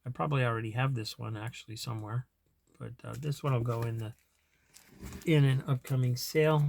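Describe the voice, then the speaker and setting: A man's voice: mid-range voice, steady tone, fairly quick, gravelly, a little mellow, slight background noise. A man in casual chat as a comic collector vlogger, rambling, trailing off and chuckling to himself as he goes.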